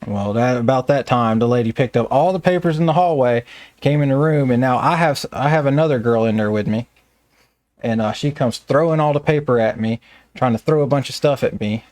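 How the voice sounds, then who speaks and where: A man's voice: mid-range voice, fairly quick, a little mellow, no echo. A man with a Southern American accent who runs a staffing business, telling stories in a casual, plainspoken interview.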